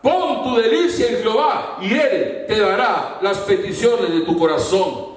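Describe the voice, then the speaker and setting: A man preaching a fervent sermon to his congregation, at times rising to shouts. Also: high-pitched, expressive, a little slow. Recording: very echoey room, mic far off.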